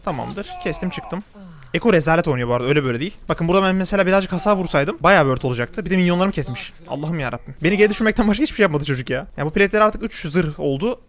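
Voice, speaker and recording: A man's voice: high-pitched, lively intonation. A young man casually commentating his own match as he plays, chatty and talking straight to his viewers. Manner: rapid, chatty, addresses viewers directly. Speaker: gameplay commentator. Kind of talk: live gameplay commentary.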